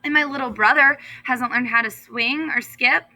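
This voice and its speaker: A woman's voice: sits high, normal speed, bright, forceful tone, pitched above the performer's own voice, rough recording. A woman voicing a polite, earnest young schoolgirl from a storybook in a careful, matter-of-fact way.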